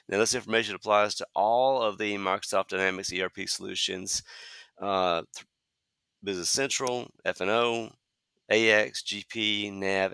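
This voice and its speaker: A man in his fifties hosts a solo podcast, talking conversationally and saying "uh" a lot. A cold leaves his lowish voice slightly hoarse, and it sounds pushed and bright. There's no room sound at all.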